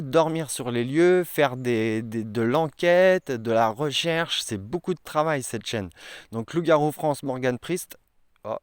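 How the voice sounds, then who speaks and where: A man's voice: medium pitch, smooth, dry recording, clean studio sound. A man vlogging outdoors in a forest, talking earnestly and rambling with many hesitations. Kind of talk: casual vlog talk to camera.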